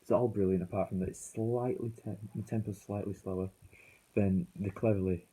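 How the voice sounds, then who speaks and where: A man's voice: on the low side, fairly even intonation, normal speed, dark tone, slightly rough. A British man chatting casually and unscripted as an album reviewer, hesitant and rambling, his voice muffled on a failing phone. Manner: rambling, hesitant, self-correcting. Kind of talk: casual, unscripted vlog chat.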